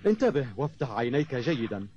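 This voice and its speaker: A man voicing a watchful, dutiful village guard in a cartoon, with brisk, formal, earnest delivery. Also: mid-range voice, big pitch swings, warm tone, lightly acted. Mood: friendly, watchful. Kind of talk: cartoon voice acting. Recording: muffled, noisy old cartoon soundtrack.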